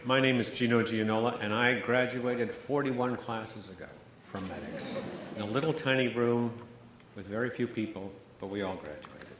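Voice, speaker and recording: An older man giving a measured, storytelling award speech at a graduation ceremony, partly read aloud. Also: lowish voice, a bit bright, a little hiss or hum. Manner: measured, storytelling delivery with fillers. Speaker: award presenter. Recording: echoey hall, faint ambience.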